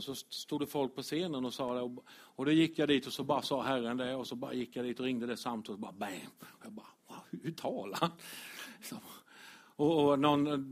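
A man preaching a lively, direct sermon as pastor to his congregation. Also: medium pitch. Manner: animated, direct, addresses congregation, chuckles.

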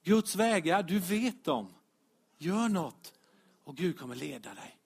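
A man preaching a lively, direct sermon as pastor to his congregation. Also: high-pitched, vocal fry, breathy edge. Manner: animated, direct, addresses congregation, chuckles.

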